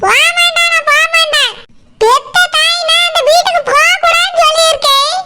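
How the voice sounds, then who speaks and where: Cartoon mother-in-law, nagging Tirunelveli village matriarch, very high and bright, done by a woman. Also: moderate pace, heavily acted. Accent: Tirunelveli Tamil. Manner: nagging, complaining.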